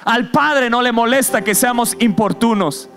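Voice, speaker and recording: A man's voice: very high voice, unhurried, fairly bright tone. A man preaching a sermon as guest preacher, with impassioned, repetitive exhortation. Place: church service. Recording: guitar music behind.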